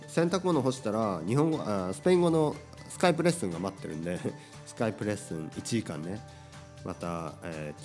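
A Japanese man hosting his own podcast, talking casually and energetically with many little tag questions. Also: deep voice. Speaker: podcast host teaching Japanese. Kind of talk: casual solo podcast talk.

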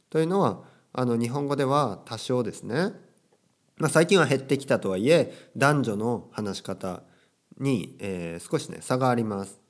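A young man teaching casually, with playful quotes of characters and phrases. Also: medium pitch. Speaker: Japanese teacher. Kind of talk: casual language lesson.

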